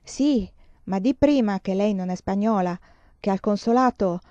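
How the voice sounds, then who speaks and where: A woman's voice: mid-range voice, unhurried, dark tone, no room sound, highs cut off, natural voice. A woman reading an audiobook, voicing a shy, pale young Spanish woman with Spanish-tinged speech. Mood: insistent.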